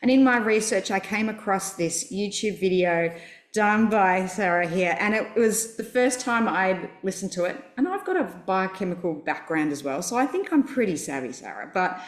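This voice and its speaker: A woman's voice: medium pitch, lively intonation, moderate pace. An Australian woman hosting a podcast, chatty and enthusiastic as she introduces her guest. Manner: enthusiastic, chatty, laughs easily. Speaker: podcast host. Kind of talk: friendly interview introduction. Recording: roomy echo.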